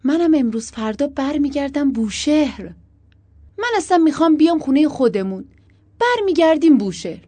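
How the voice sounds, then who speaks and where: A woman's voice: sits high, expressive, mellow, dry recording, voice pushed up. A woman voicing a tense, impatient male air force pilot, speaking urgently and insistently. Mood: exasperated.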